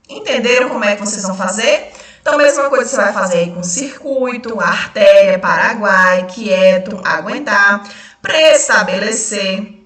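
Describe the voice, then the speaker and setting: A young adult Brazilian woman teaching a primary class, explaining patiently step by step and slowing down on key terms. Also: medium pitch, sharp tone. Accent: Brazilian Portuguese. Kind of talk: recorded remote class lesson. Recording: very echoey room, far from mic.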